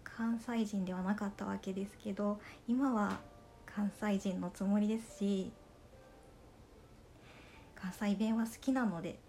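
A woman from Okayama with a Kansai accent, hosting a casual solo podcast and chatting gently and politely to her listeners. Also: mid-range voice, slight background noise. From Okayama, Japan. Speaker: podcast host reading listener letters.

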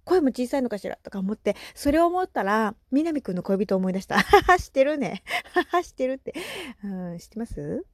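A woman in her thirties chatting casually on her solo podcast, animated and laughing often, with soft asides. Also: on the high side, normal speed, no room sound, studio quality. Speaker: podcast host.

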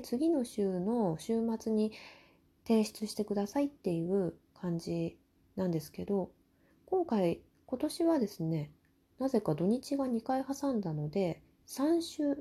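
A young woman hosting a personal talk show, chatting casually in a quiet, soft, breathy murmur at night about everyday life. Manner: quiet, murmuring low-voiced talk at night beside sleeping children. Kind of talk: late-night casual chat, telling everyday family stories.

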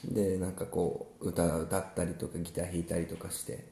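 A man co-hosting a casual podcast chat, telling about his gigs in a relaxed, rambling way with many fillers. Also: deep voice, a little fast, vocal fry, reverberant. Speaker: musician co-host.

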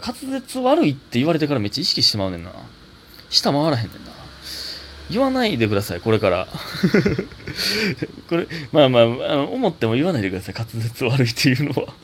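A young adult comedian with a Kansai accent, hosting a solo casual talk show and reading listener mail in a chatty, self-teasing way. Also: male voice, medium pitch, a little hiss or hum. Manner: chatty, self-teasing, animated, laughs often. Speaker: comedian podcast host.

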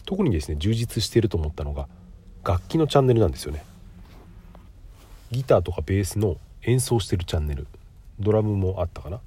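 With a stuffy, nasal voice from a cold, a middle-aged man hosts a casual podcast alone, explaining things politely. His low, warm voice has a breathy edge and a sing-song lilt; he talks fast but leaves long pauses and many filler breaks.

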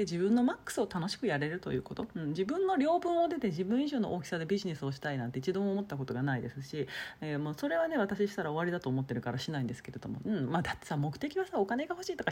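Chatty woman host w/ bits of nagoya dialect, fast talker, lively pitch. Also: slightly rough. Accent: Nagoya dialect touches. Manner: chatty, lively, deliberate thinking pauses. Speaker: podcast host. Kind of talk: casual solo radio talk.

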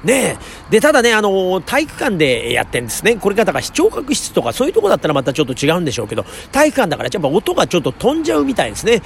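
A man's voice: sits high, wildly swooping pitch, very fast, vocal fry, hardly any pauses. A man hosting his own talk show, chatting politely with many fillers, recorded outdoors near a station. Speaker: podcast host. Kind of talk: casual solo talk. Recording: faint street noise outdoors.

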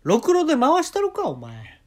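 An eccentric middle-aged father threatens in a thick Kansai accent, his pitch leaping up into shouts and dropping to a low mutter, as a man puts on the voice. The delivery swings widely in pitch and feels like a comic storyteller's impression. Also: huge pitch swings, normal speed, heavily acted. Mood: menacing.

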